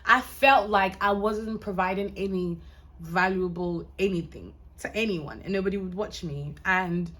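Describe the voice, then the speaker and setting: A woman's voice: medium pitch, measured pace, a bit bright. Candid young woman, mixed accent. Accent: mix of American, Ghanaian and London. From Ghana. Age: young adult. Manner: candid, rambling, swears casually. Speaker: vlogger. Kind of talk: casual chat to camera.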